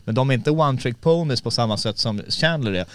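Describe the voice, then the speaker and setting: A man's voice: mid-range voice, fairly bright tone, smooth. A man in casual podcast chat about fights, talking loosely and mixing English phrases into his speech.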